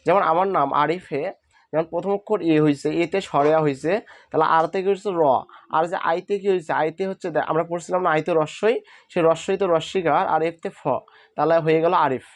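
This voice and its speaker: A man's voice: on the high side, steady tone, fairly quick. A man teaching a spoken lesson, patiently asking questions and answering them himself. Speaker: English teacher.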